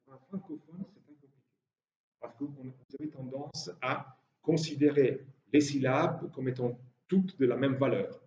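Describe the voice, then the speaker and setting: A man's voice: mid-range voice, moderate pace, a little mellow, a little hiss or hum. A man teaching a university lecture, explaining step by step with frequent hesitations. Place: lecture hall. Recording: roomy, distant, dull lecture-hall recording.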